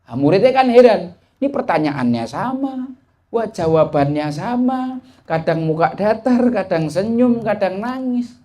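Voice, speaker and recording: A man that carries delivers a sermon as a lively story. His voice sits a little high and jumps up sharply when he acts out the characters. He turns quiet and slow when he draws the lesson. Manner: animated storyteller who acts out the dialogue with high, loud voices; drops to soft, slow tones for the moral. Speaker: preacher.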